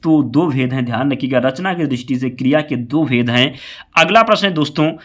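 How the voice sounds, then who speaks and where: A slightly hoarse man with a fever, teaching an exam-prep quiz lesson. He reads out each question and its options, repeats the answer and keeps telling the viewer to keep it in mind. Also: medium pitch, brisk, a bit bright.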